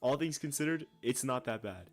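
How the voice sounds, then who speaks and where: A man's voice: medium pitch, expressive, brisk. A young man giving casual online commentary in a slangy, incredulous way.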